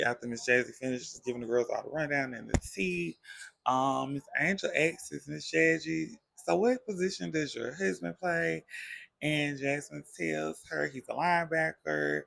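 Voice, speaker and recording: Gravelly-voiced man dishing a reality recap. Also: fairly high pitch, no room sound. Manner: chatty, animated retelling with quoted voices. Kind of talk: casual gossipy recap.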